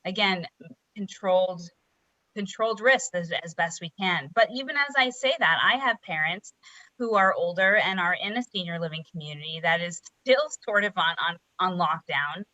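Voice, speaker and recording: Bright, dry-voiced mother thinking aloud. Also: lowish voice, no room sound, muffled recording. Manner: thinks aloud, halting restarts, light laughs. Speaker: parent panelist. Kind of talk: casual discussion.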